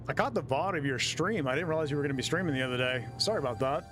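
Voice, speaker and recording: A man chatting casually with his viewers while streaming a game, easygoing and quick to laugh. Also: a little high, over music. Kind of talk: casual live-stream chat while gaming.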